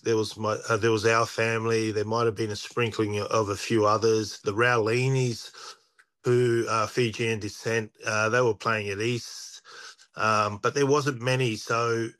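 Bright-voiced man, relaxed and reflective. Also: lowish voice. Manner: relaxed, reflective storytelling with frequent restarts. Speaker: interview guest, former rugby player. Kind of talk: casual interview chat.

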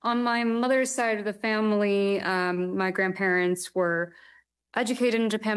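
A young woman from Taiwan, a literary translator, answering interview questions thoughtfully with frequent hesitant pauses and fillers. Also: medium pitch. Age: young adult.

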